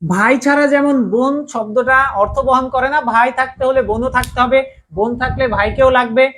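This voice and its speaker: A woman's voice: sits high, fairly even intonation, brisk, a bit bright. A woman teaching a casual grammar lesson, patiently repeating key points and asking the class rhetorical questions. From Bangladesh.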